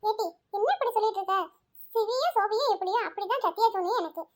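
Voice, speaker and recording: A woman doing a fretful middle-aged aunt in a storybook drama, scolding and exclaiming at her niece. The voice is very high and quick. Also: animated. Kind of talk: audio story voice acting.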